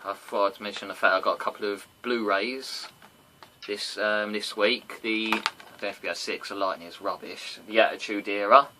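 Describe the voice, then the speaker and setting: Man, podcast host, rambling wrestling chat, bright forceful tone, background noise. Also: fairly low pitch, steady tone, moderate pace, rough recording. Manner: chatty, rambling, breaks into silly sung impressions. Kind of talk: casual wrestling review chat.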